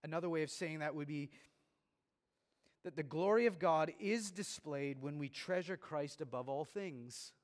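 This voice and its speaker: A man preaching in earnest, his slightly high voice pressing harder as he drives each point home. His words ring out with a long reverb across a large church sanctuary. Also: moderate pace. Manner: earnest, building to emphatic preaching. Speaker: pastor. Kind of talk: sermon.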